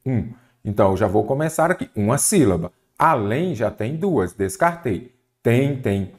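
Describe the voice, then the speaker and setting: Lively Brazilian Portuguese teacher, man. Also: medium pitch, unhurried. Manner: lively, rhetorical questions to students. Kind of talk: exam-prep grammar lesson.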